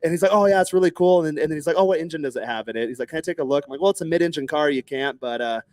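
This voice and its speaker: Fast-talking storytelling man. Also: a little high, dry recording. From Texas. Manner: animated, acts out other people's lines in raised voices, swears freely. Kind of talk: casual storytelling chat.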